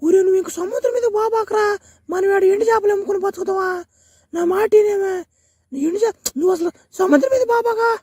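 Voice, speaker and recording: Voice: fast talker, darkish tone, dry recording. A voice actor playing a young village woman, a worried sweetheart in a comic cartoon spoof, scolding and emotional. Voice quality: very high, shrill cartoon voice.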